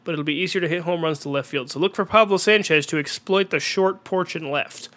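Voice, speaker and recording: A young man with a cold, sounding congested and clearing his throat, hosting an excitable amateur commentary on a baseball video game. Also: on the high side, a little fast. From Minnesota. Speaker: host and play-by-play announcer.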